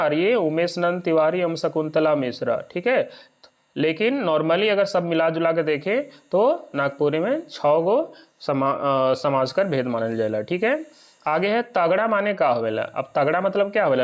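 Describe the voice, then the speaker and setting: A man teaching an exam lesson. He often checks whether his listeners are following. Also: on the high side.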